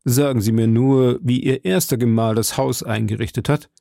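A man playing a coldly mocking aristocratic lord who speaks in a smooth, measured and sneering way. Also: mid-range voice, steady tone, mellow, no room sound, studio quality, close to an everyday voice.

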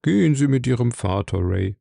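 Man reading as a nervous clerk, hushed and worried, gravelly, dry. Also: medium pitch, lively intonation, normal speed, dry recording. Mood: soothing. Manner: hushed, anxious, confiding. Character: nervous middle-aged male clerk, timid and worried.

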